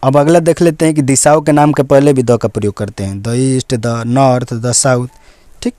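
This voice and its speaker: A man of average pitch teaching grammar in a patient, step-by-step way. He repeats each point and keeps checking that his listeners follow. The recording is dry, with no room echo. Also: fairly even intonation, normal speed, warm tone. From India. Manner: patient, repetitive explaining with many "theek hai" check-ins. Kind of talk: explanatory lesson.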